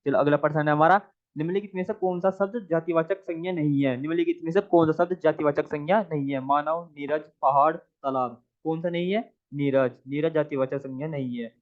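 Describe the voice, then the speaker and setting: A man teaching an exam practice lesson in a somewhat high voice. He asks each question aloud, answers it himself and repeats the answer again and again. The sound is thin and tinny, like a phone line. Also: a little fast. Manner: asks the viewer questions, then answers them. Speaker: Hindi exam tutor.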